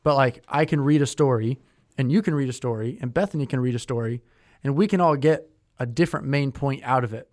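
A young man co-hosting a podcast, speaking at a mid pitch. He chats loosely, with lots of "like" and "um" and plenty of restarts. The recording is dry and close, with no room sound. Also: brisk, darkish tone, no echo. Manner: chatty, with many fillers and self-corrections. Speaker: podcast co-host. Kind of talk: casual conversational chat.

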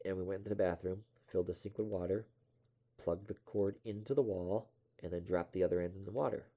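A man's voice: low voice, steady tone, fast talker, dark tone. A young man casually telling a rambling story from his past, offhand and self-deprecating, swearing now and then.

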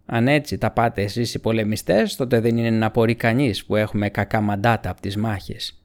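A man's voice: on the low side, lightly acted. A man reading aloud and voicing a bitter, insolent male orc tracker who mocks and snarls. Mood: scornful. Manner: mocking, grumbling, flaring into shouts.

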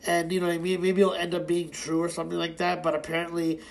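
A man's voice: on the high side, monotone, quick pace, creaky, low-quality recording. A young man ranting casually about wrestling fans and gossip, profane and rambling, full of restarts, fillers and sarcastic jabs. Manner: heated, sarcastic. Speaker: online commentator.

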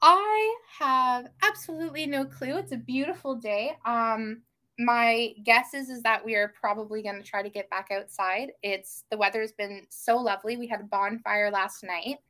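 A woman's voice: on the high side, moderate pace, sharp tone. A young adult woman chatting as a podcast guest, enthusiastic and hesitant, with many ums and restarts. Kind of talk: casual podcast chat.

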